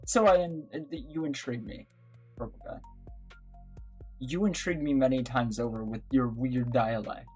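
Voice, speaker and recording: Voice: medium pitch, moderate pace, faint music behind. A livestream radio host chatting casually with viewers, rambling, giggling often and apologizing a lot.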